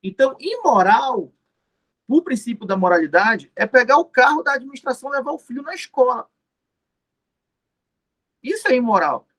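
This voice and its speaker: A man's voice: very high-pitched, very animated, normal speed, pauses often, a bit bright. Guy teaching law for exams, keeps repeating key terms, asks a question then answers it himself. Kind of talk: recorded exam-prep lecture.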